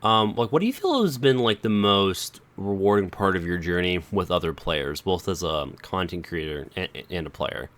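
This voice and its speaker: A man's voice: low-pitched, animated, normal speed, hardly any pauses, a bit bright. A man interviewing a gamer, asking rambling questions full of fillers and restarts. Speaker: interviewer, author.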